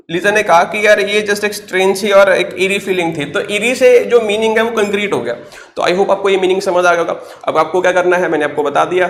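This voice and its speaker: Male vocabulary teacher, slightly high voice, patient Q-and-A delivery, roomy faint-hiss recording. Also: fairly bright tone. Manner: explains patiently, asks and answers his own questions. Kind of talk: online class lecture.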